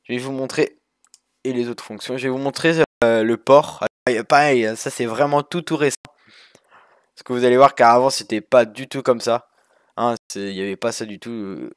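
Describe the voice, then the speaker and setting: A man's voice: mid-range voice, normal speed, no echo, clean studio sound. Rambling young man narrating a game. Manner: rambling, many fillers and restarts. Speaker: gaming youtuber. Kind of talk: casual screen-recorded game walkthrough.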